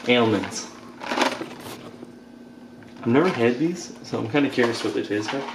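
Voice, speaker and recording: Over very noisy surroundings, a twenty-something vlogger and powerlifter speaks to camera in an animated, medium-pitched voice, a little slowly. His talk is casual and chatty, loose and rambling, with plenty of jokes.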